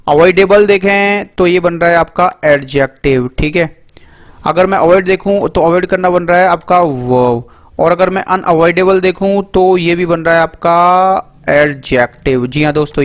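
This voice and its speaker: A man teaching English grammar in a casual lesson, often checking in with his listeners and reading example sentences slowly aloud. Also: fairly high pitch. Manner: repeats "ठीक है" and "दोस्तों", reads English sentences slowly aloud.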